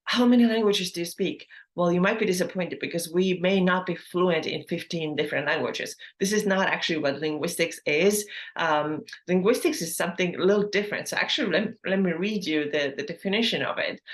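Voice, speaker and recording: This is a woman in her thirties whose native language is Estonian, hosting a casual solo podcast in English. Her voice is lowish, and she's chatty, full of fillers and self-corrections.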